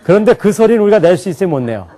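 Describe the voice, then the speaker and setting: A man teaching a class in a lively lecture style, often asking the students questions and laughing along. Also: sits high, rapid-fire. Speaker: English teacher at an alternative school.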